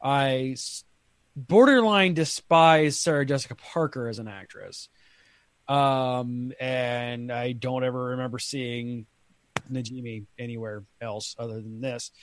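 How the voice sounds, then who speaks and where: A man's voice: mid-range voice, a little slow. A man co-hosting a podcast review in casual chat, blunt and opinionated, laughing easily. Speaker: podcast co-host.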